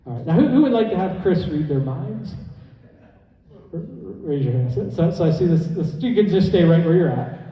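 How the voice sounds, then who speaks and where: Echoey high-pitched man emceeing a stage show. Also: expressive, brisk, dark tone. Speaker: comedy hypnotist and show host. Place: indoor conference hall stage. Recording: echoey hall PA, heard from far off.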